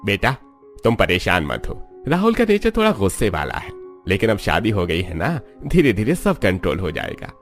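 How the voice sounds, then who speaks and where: A man voicing a calm, reassuring father-in-law. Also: fairly low pitch, normal speed, faint music behind.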